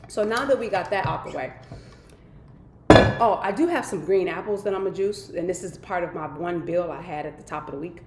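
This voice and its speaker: A woman hosting a live stream in casual, upbeat chat, a little nasal and congested, repeating her catchphrases. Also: fairly quick. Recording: echoey room, faint rumble.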